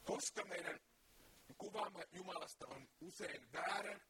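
A man's voice: high voice, very noisy. A man preaching a sermon, emphatic and full of rhetorical questions.

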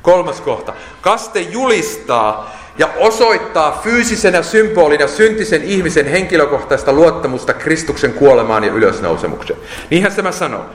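A man's voice: on the high side, big pitch swings. Male preacher, emphatic sermon delivery, long church reverb. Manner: emphatic, lists points and quotes scripture. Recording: echoey hall with long reverb.

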